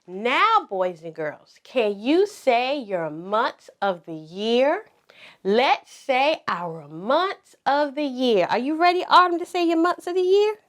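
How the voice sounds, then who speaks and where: Woman, kids show host, high lively voice, sing-song, encouraging, simple repeated phrases for preschoolers. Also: slow pace. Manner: sing-song, encouraging address to small children; enunciates simply with repetition. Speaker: children's circle time host.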